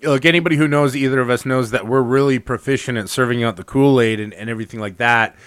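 A man's voice: mid-range voice, fast talker, a bit bright, no room sound. A man co-hosting a casual sports podcast, jokey and asking long winding questions. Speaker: podcast co-host.

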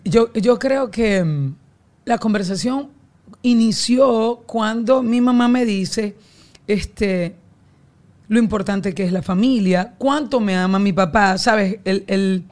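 A woman in her forties with a Venezuelan accent, a guest telling family stories in a loose, animated way full of restarts and slang. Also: medium pitch, slow. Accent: Venezuelan Spanish. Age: 40s. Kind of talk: casual storytelling chat.

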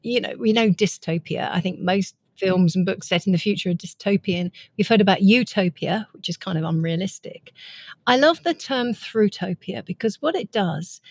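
A female author being interviewed lays out her ideas with earnest, articulate care. She speaks at a moderate pace in a medium-pitched voice that sounds slightly rough.

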